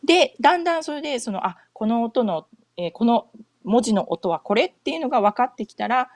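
With a higher-leaning voice, lively intonation and a slightly fast pace, a middle-aged woman from Japan hosts a casual podcast at home in North America, with no room sound. Her chat is loose and rambling, full of fillers and self-corrections.

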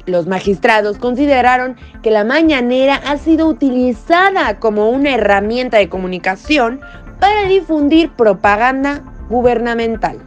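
A woman co-hosting a news podcast, reading headlines and chatting lively with her co-host. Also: fairly high pitch, normal speed, highs cut off, soft background music. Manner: lively, laughs between items. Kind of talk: news read with banter.

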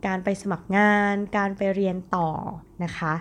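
A woman's voice: lowish voice, level tone, normal speed. A young adult woman hosting a solo podcast, talking chattily and directly to her listeners in a casual, friendly way. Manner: chatty, addresses listeners directly with polite particles. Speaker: podcast host.

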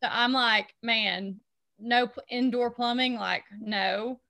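Bubbly young Southern woman, bright voice. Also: on the high side, steady tone. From Alabama, US. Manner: bubbly, playful, quick to laugh. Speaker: guest. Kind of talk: casual interview chat.

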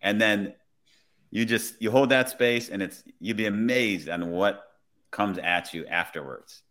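Man, low-pitched, reflective, agreeable co-host, casual podcast talk. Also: unhurried, a bit bright. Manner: affirming, reflective, builds on the other speaker's points.

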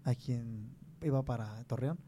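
A young Mexican man with a Mexican Spanish accent, telling a personal faith testimony in conversation, earnest and halting with many restarts. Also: mid-range voice, warm tone, slight background noise.

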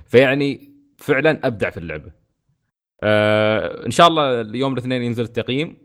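A man with an Emirati Arabic accent, chatting on a gaming podcast, ranting in an animated way with frequent restarts. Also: fairly low pitch. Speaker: podcast co-host. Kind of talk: casual gaming podcast chat.

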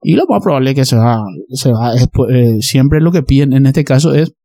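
A man's voice: medium pitch, fairly quick, creaky, mellow, no echo, studio quality. A man, explaining a topic in a casual discussion and often checking that listeners follow. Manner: explanatory, checks in with "¿verdad?" and "¿entendés?".

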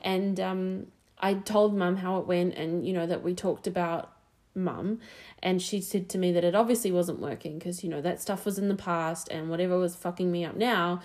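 A woman's voice: fairly low pitch, normal speed, darkish tone. A young woman with a New Zealand accent, chatting casually as a podcast host, full of fillers and restarts.

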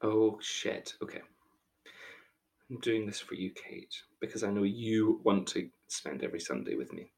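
A man's voice: fairly low pitch, very animated, normal speed, creaky, a little mellow. Chatty, hesitant male podcast co-host. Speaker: podcast co-host, quiz contestant. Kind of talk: casual chat.

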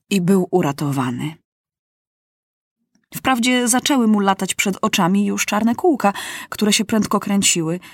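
A woman narrates a children's story in a measured, expressive way. Her mid-pitched voice is slightly husky. It is recorded close and dry, with no room sound. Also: no echo. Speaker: audiobook reader. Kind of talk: scripted narration of a children's book.

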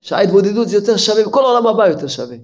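Older male rabbi, fervent sermon delivery, higher-pitched, swings from cries to murmurs. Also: very animated, darkish tone. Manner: impassioned, with sudden pitch leaps and drops to near murmur.

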